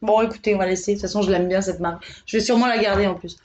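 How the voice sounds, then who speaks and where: Woman, live-stream seller, chatty salesy banter, high-ish voice, roomy and muffled recording. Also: fairly even intonation, rapid-fire, darkish tone, slight background noise. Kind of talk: live shopping stream pitch. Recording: echoey room, dull lo-fi sound.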